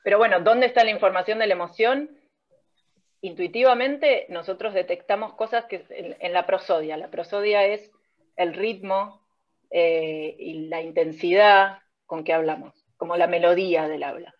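A woman's voice: fairly low pitch, moderate pace. A woman with a Rioplatense accent, a speech technology researcher, explaining her field step by step in an interview. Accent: Rioplatense Spanish. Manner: patient, explains step by step with examples. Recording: dull lo-fi sound.

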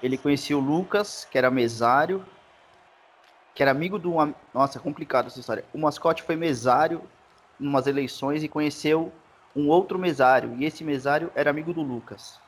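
A man's voice: fairly high pitch, a little fast, slightly rough. A man with a Brazilian accent, a guest on a casual podcast, telling a story in a rambling way and tripping over his words. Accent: Brazilian Portuguese.

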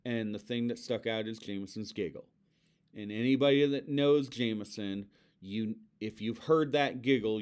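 A bereaved father co-hosting a podcast talks earnestly and reflectively about grief, speaking softly of his son. His voice is smooth and lowish.

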